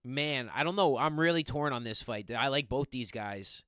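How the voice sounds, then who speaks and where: A young man hosting a casual fight-picks show, rambling excitedly with lots of slang. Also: medium pitch, moderate pace, no room sound, clean studio sound. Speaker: MMA fight picks host. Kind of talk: casual fight preview monologue.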